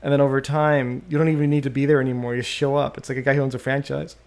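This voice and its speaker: A man hosting a solo podcast, thinking out loud and often trailing off and restarting mid-sentence, into a desktop microphone. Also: medium pitch, level tone, fast. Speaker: podcast host. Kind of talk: rambling solo podcast monologue. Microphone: USB desktop microphone.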